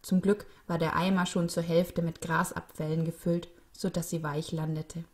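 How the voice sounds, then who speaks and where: A woman storyteller reading a children's tale aloud in a calm, even voice. Her pitch sits a little low, and her delivery is clear and gently expressive. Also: normal speed. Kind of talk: scripted narration of a children's story.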